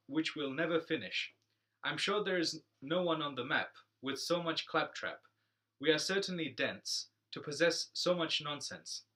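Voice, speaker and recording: A man's voice: a little high, bright, forceful tone. A man reciting rhyming comic verse in a playful, sing-song way.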